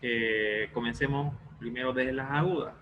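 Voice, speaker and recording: A man's voice: mid-range voice, steady tone, normal speed, lo-fi sound, a little hiss or hum. A male teacher explaining a lesson step by step in an online class, often stopping to check that students follow.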